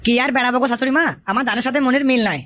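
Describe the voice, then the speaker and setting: A woman voicing a hot-tempered, foul-mouthed young male son-in-law in a cartoon, grumbling and cursing rapidly. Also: high voice, a bit bright. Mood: complaining. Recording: dull lo-fi audio.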